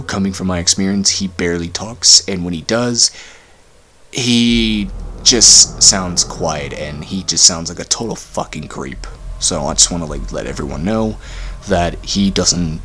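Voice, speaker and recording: A man's voice: sits low, a bit bright, slight background noise. A young man talking in a heated, profane, repetitive rant for a commentary vlog. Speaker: commentary vlogger.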